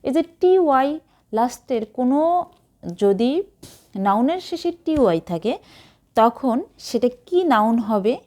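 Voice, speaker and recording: Lady teaching english words, kinda high voice but soft and mellow, lots of spelling out. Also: sing-song, takes it slowly, long pauses. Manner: explains spellings letter by letter and gives memory tricks. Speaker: English tutor. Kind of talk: vocabulary lesson.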